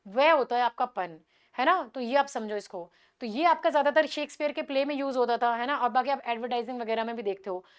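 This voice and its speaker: A woman from India teaching English literature for exam preparation, explaining in Hindi mixed with English and reading the English examples slowly with an Indian accent. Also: high-pitched. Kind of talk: exam-prep lecture.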